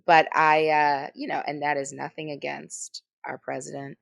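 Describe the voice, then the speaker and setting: A woman's voice: sits low, flat delivery, moderate pace, gravelly. A woman co-hosting a podcast in casual chat, emphatic, with frequent restarts and asides. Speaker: podcast co-host.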